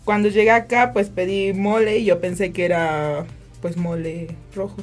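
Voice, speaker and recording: A woman's voice: mid-range voice, steady tone, moderate pace, soft background music. A young woman from Guerrero with a Mexican coastal accent, chatting casually as a student guest and laughing easily. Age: young adult. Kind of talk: casual chat.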